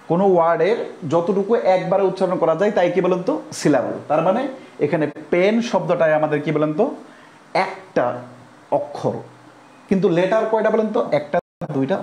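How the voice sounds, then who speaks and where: A man with a Bangladeshi accent teaches a grammar class. His voice sits high, and it bounces around an echoey classroom. He keeps repeating himself and asks the students question after question. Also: darkish tone. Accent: Bangladeshi Bengali. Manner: repetitive, quizzing students with rhetorical questions; spells words out letter by letter. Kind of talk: classroom lecture.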